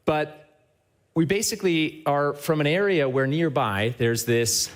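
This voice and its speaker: On a trade show stage, a company head with a fairly high voice gives a live conference presentation, speaking straight to the audience. He is upbeat and enthusiastic, often tagging his points with a quick question to check in.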